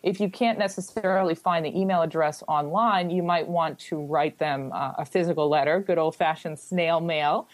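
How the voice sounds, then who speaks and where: A woman from the Boston area, an expert guest explaining how to research family records, often acting out quick quoted exchanges. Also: sits low, no echo. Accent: Boston-area American. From United States. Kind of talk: casual interview answers.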